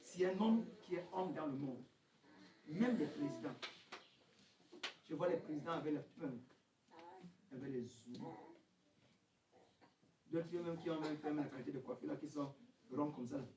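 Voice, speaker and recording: A male pastor preaching a revival sermon, swinging from shouted high peaks to quiet questioning drops. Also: moderate pace, long pauses, far from the mic. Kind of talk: French-language revival sermon. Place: church hall. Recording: echoey church sound, from off the mic, faint noise.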